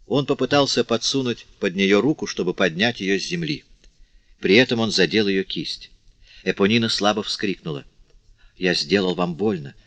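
Deep-voiced male audiobook narrator. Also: normal speed, vocal fry, a bit bright, no echo. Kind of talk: classic novel audiobook narration. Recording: dry, slightly dull audiobook recording.

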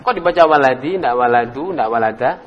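Reverberant religious teacher drilling students. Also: male voice, mid-range voice, lively intonation, muffled recording. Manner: quizzes students by name, praises answers, repeats drill words slowly. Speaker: Islamic teacher leading an Arabic class. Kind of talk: interactive classroom lesson. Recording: reverberant room recording.

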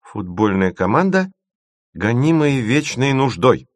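A thoughtful, earnest young girl leading her friends, voiced by a man. The voice is raised well above his own with lively pitch. Dry, close sound. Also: measured pace, no echo.

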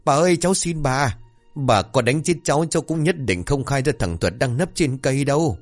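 A man's voice: on the high side, sing-song, measured pace, a little mellow, faint music behind, voice pushed up. A man voicing a mischievous village boy who begs and wails through tears. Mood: wailing plea. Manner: wailing, begging, tearful. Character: cowardly prankster village boy.

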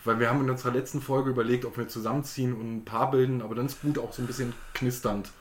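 A man with a mid-pitched voice hosts a casual podcast. He rambles along in jokey banter. The room echoes around him, with faint noise behind. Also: steady tone, racing. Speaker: podcast host. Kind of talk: casual chat. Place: indoor room at a table. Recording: roomy echo, faint background noise.

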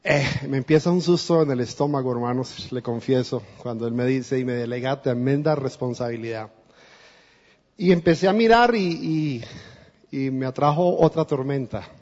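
In a church, a man with a Colombian accent preaches a sermon as a guest preacher, addressing the congregation earnestly and directly. His mid-range voice moves at normal speed with a slightly mellow quality, and the recording is dull, lo-fi, and reverberant.

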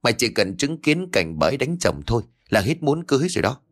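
A man voicing a mischievous young friend, teasing his buddy in a low, quick aside. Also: very animated, soft background music.

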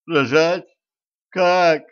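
A man voicing a panicky, indignant man who shouts and whines in disbelief, in a dull lo-fi recording. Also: fairly high pitch, steady tone, drawn-out words, smooth, pitched above the performer's own voice. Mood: whining, aghast. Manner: shouting, whining, outraged.

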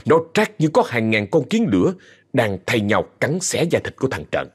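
A man's voice: mid-range voice, sing-song, normal speed, slightly rough. A man telling a ghost story in a dramatic way.

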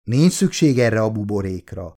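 A man's voice: on the low side, very animated, dark tone. A man voicing a cocky, reckless male scientist who talks in a breezy, teasing way in an audiobook.

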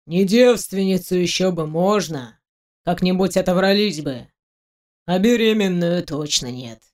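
A woman reading an audiobook, voicing a stern, blunt middle-aged father who speaks slowly and firmly. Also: on the low side, darkish tone, lightly acted.

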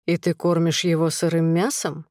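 A woman reading aloud, voicing a puzzled, irritated husband with a flat, skeptical delivery. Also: sits low, normal speed, no room sound, clean studio sound, natural voice. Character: puzzled, irritated young father.

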